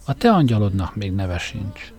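A man's voice: fairly low pitch, sing-song, a little mellow. A man voicing an intense, fervent young male preacher who speaks insistently and accusingly.

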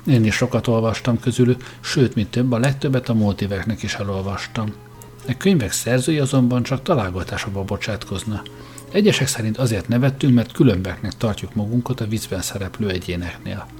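Sex: man. Figure: a man voicing a sharp probing grandmaster. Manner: cutting, questioning. Pitch: fairly low. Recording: faint music. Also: close to an everyday voice. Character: shrewd probing male grandmaster, dry and cutting.

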